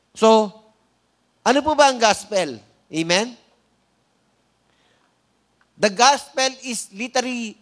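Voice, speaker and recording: A man with a Filipino accent preaching a sermon, often asking the congregation "Amen?" and slowing down to stress key words, with light joking asides. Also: high-pitched, fairly bright tone. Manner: frequent "Amen?" prompts to the congregation. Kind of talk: sermon with opening prayer.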